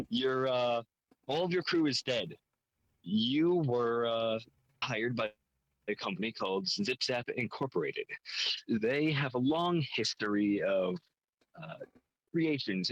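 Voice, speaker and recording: A man co-hosting a casual gaming podcast, joking around and pitching a game idea. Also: a bit bright, dry recording, lo-fi sound. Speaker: podcast co-host. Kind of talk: casual chat.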